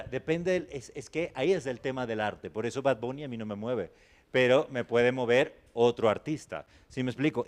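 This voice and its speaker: A man teaching a master class on acting. He lectures conversationally and keeps checking in with the students. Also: medium pitch. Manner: conversational, often asks "¿sí me explico?". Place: university classroom.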